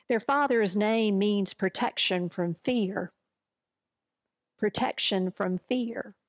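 Slow, earnest woman preaching a sermon. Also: medium pitch, no room sound. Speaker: pastor.

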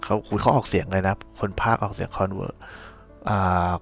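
A man's voice: low-pitched, little pitch movement, normal speed, gravelly, soft background music. A man hosting a podcast, telling a casual spoiler recap of a series in a rambling, slangy way with many restarts. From Thailand.

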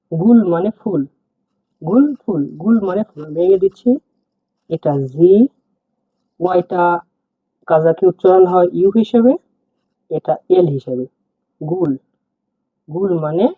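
A man's voice: sits high, no room sound. A man teaching the alphabet step by step, spelling out letters and repeating each word with its meaning. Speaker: language teacher. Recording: tinny phone-like, husky and dry.

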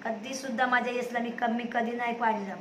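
A woman's voice: a little high, steady tone, fairly quick. A woman, telling her own story to viewers in an emphatic, repetitive, indignant way. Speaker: vlogger, single mother. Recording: echoey room with faint noise.

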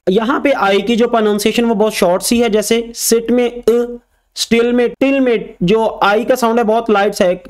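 Male phonics teacher, high voice, patient and slow, repeats example words. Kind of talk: spoken English lesson.

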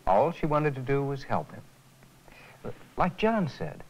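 A man's voice: medium pitch, slow, slight background noise, low-quality recording. A man in a 1980s educational film, talking earnestly and reflectively about what he has learned. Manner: earnest, reflective, lively intonation. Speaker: lead character in a training film.

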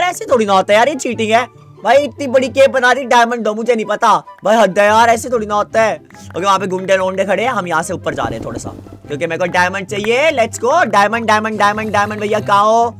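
Excitable young man narrating Minecraft play. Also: sits high. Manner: excitable, chatty, talks to the game. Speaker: gaming YouTuber. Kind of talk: Minecraft let's-play commentary.

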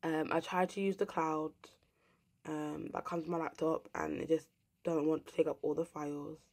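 A young woman talks straight to her camera in a loose, rambling rant. Her voice sits low for a woman, and she drifts between thoughts and swears without a filter. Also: flat delivery, moderate pace, gravelly, darkish tone. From England. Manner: rambling, blunt, swears freely. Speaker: vlogger. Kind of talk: casual ranting monologue.

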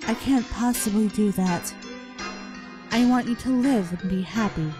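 Possessive ghost mother, cold and menacing, played by a woman, drawn out, over game music. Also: natural voice. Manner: low, slow and menacing. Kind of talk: dramatic reading of game dialogue.

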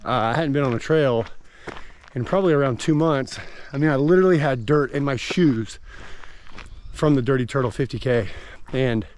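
A man in his thirties with an American accent talks casually to his vlog audience. His voice sits at an ordinary pitch for a man. Light ambient noise runs behind the speech. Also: normal speed, a little mellow. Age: 30s. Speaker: vlogger and gym owner. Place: outdoors on forest trail, later inside a car. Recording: clear outdoor and vehicle background noise.

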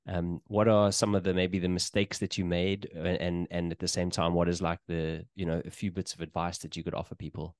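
A man's voice: deep voice, flat delivery, a little fast, few pauses, darkish tone, no room sound, studio quality. A man in his forties hosting a casual video interview from a small home room, hesitant and full of fillers and restarts. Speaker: podcast host. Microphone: studio mic on desk, headphones.

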